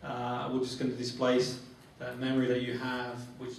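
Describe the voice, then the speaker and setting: A man leads a live therapy training demonstration in a mid-pitched voice, repeating his phrases as he instructs. He is recorded from a distance in a very echoey room, with faint noise. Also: completely flat delivery, normal speed, gravelly.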